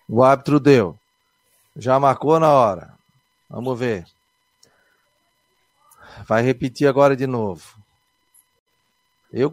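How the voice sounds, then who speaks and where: A man hosting a casual football discussion show, with drawn-out emphatic exclamations. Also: medium pitch, no echo. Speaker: sports show host.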